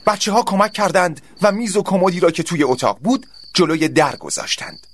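A man narrating a scripted story in a dramatic, expressive way. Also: high voice, heavy background noise.

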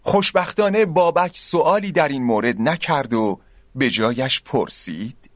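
A man narrating a scripted story with expressive delivery. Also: mid-range voice, dry recording.

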